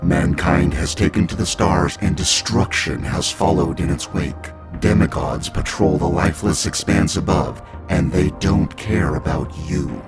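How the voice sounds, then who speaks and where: A man voicing a cold, menacing immortal starship pilot, speaking slowly in a hushed, half-whispered tone. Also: extremely low pitch, animated, gravelly, exaggerated voice. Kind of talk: audiobook character reading. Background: loud music.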